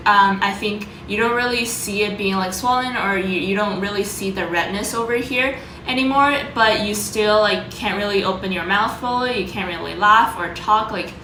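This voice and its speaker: A woman vlogger talking informally about her own experience, loosely worded and pausing to search for words. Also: medium pitch, pushed and bright, reverberant, slight background noise, low-quality recording. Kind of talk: casual vlog talk, sharing personal experience and tips.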